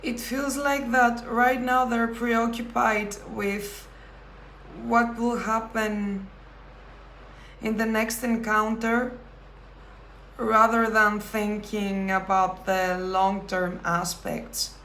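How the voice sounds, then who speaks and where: A woman giving a pick-a-card tarot reading, talking thoughtfully with pauses and self-corrections. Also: mid-range voice, level tone, fairly bright tone, echoey room, a little hiss or hum. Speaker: tarot reader.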